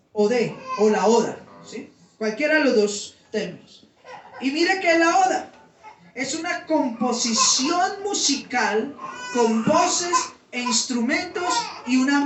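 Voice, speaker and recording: A man's voice: very high voice, a bit bright, a little hiss or hum. Preaching man, heard from afar in a room. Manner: explanatory, asks the congregation questions. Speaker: pastor. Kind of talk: sermon teaching. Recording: roomy sound from a distance.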